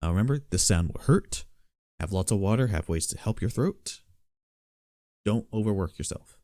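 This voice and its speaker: A man giving a casual spoken beatbox tutorial, explaining in a relaxed, matter-of-fact way. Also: fairly low pitch, normal speed, dry recording, studio quality.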